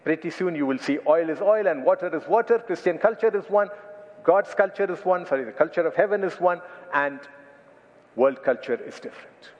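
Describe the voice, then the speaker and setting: A dull recording with long hall reverb carries a man's sermon. He speaks with an Indian accent in a high voice. His delivery is emphatic, returning to key phrases and slowing on them for weight. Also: expressive. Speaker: preacher.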